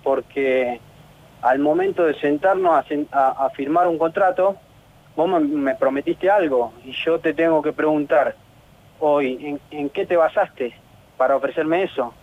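Argentine footballer, male, halting and frustrated, phone-line sound on radio. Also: fairly high pitch. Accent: Argentine Spanish. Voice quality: halting, many restarts and fillers. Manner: earnest, frustrated. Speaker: professional footballer. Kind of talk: radio interview.

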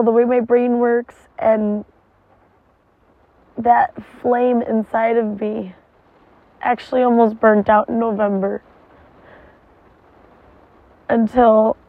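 A woman gives a casual, emotional confessional from inside a parked car. She rambles slowly and swears often, with little rise and fall in her voice. The sound is thin and phone-like. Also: a little high, dry recording. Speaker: vlogger.

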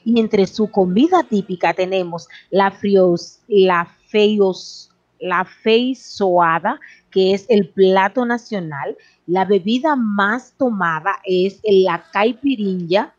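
A woman co-host reads out facts about countries in an informative way. Her voice sits at a middle pitch. The recording is dry and a little dull. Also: slow pace, darkish tone, dry recording. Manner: informative, laughs easily. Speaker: radio co-host.

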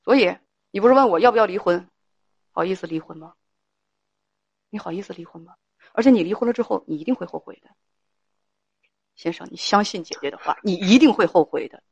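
A woman's voice: medium pitch, lively intonation, a little fast, gravelly, pauses often, a little mellow, slightly rough, dry recording, highs cut off. A woman hosting a call-in advice show, lecturing a caller with pointed rhetorical questions.

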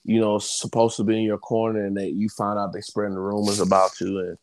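A man, chatting casually and halting often with fillers like "you know what I'm saying.". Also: lowish voice, level tone, a little mellow. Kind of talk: casual conversation.

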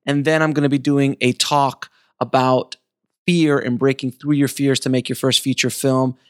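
A man's voice: mid-range voice, level tone, normal speed, no room sound. A man speaks as a podcast host in a casual, conversational style. He is effusive and leans on his words for emphasis. The sound is dry, with no room around him.

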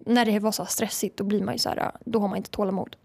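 En ung kvinna som gäst i en podd, som berättar livligt i lättsamt samtal och härmar andra. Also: female voice, medium pitch, vocal fry, breathy edge. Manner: lively anecdote telling, acting out what others said. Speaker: podcast guest, footballer. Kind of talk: casual chat.

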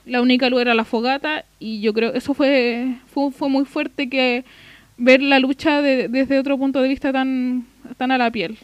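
Young Chilean woman, high-pitched, lively, slangy podcast co-host. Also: dry recording. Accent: Chilean Spanish. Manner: animated storytelling, heavy slang. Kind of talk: casual chat.

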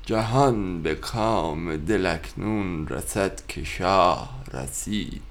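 A man's voice: low voice, creaky. An actor playing a pompous father who recites classical poetry in a grand, declamatory way. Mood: grandiose.

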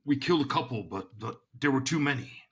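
A man's voice: mid-range voice, a bit bright, breathy edge. A game master voicing a shaken town guard who stammers and halts as he reports to his captain. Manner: stammering, halting, repeats words.

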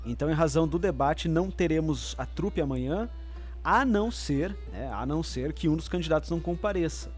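A man's voice: fairly high pitch, expressive, a little fast. A man with a southern Brazilian accent chatting casually as a radio co-host. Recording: music bed behind the voice.

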